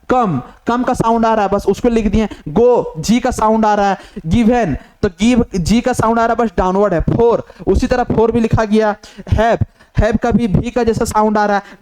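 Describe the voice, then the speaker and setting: A man's voice: sits high, normal speed, a little mellow. A man teaching a lesson. He keeps asking questions and answering them himself, and he repeats his points. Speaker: shorthand teacher. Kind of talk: classroom lesson explanation.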